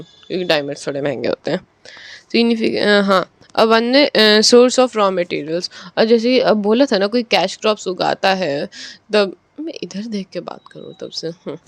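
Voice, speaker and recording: Male tutor, casual explainer, gravelly tone, dry close sound, reads headings slowly and fixes his own slips. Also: sits high, no room sound. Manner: reads headings slowly, explains with homely examples, corrects himself. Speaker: teacher. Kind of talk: casual explanation of a textbook chapter. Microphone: own microphone, adjusted while talking.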